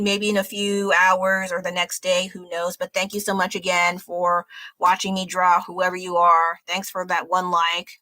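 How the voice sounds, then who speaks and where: A woman's voice: medium pitch, pushed and bright, no room sound. A young woman chatting casually and bluntly while drawing on her livestream, laughing at her own stories. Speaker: art livestreamer.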